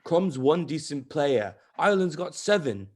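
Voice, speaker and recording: A blunt young sports fan, read by a man in a storybook group reading. He speaks in short, gloomy remarks at a mid-range pitch. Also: moderate pace, close to an everyday voice.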